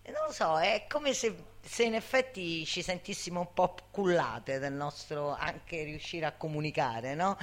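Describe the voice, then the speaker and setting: An older woman with a low voice talks unhurriedly, with hardly any pauses, as a guest speaker. A veteran activist, she speaks informally and passionately, emphatic and frequently seeking agreement with tag questions.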